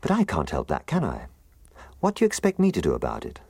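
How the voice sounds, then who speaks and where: A man doing a high-pitched eager little boy. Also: wildly swooping pitch, fast talker, a little mellow, slightly rough, no room sound, exaggerated voice. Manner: eager, questioning. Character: small curious boy, eager.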